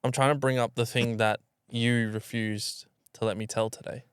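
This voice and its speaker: A man telling a story on a casual podcast, laid back and sweary. His voice is smooth and clear at a middle pitch. The sound is close and dry. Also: flat delivery, normal speed, no room sound. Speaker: podcast co-host.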